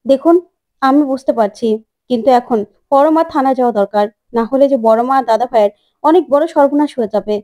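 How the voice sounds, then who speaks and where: A woman voicing a gentle, caring young woman who pleads softly and earnestly. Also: high voice, fast talker, no echo, close to an everyday voice. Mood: pleading. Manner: soft, quiet, earnest pleading.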